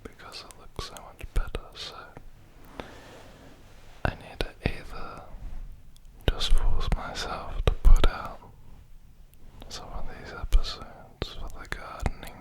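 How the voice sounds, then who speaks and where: An ASMR host rambling in a whisper, ear to ear, right up close to stereo microphones, with long drawn-out pauses.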